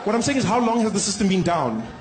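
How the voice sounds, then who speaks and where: A man's voice: high voice, big pitch swings, fast, a faint crowd. A male comedian playing a hesitant, stammering man with a South African accent, a polite but frustrated customer on the phone. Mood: exasperated. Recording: echoey live venue with noise.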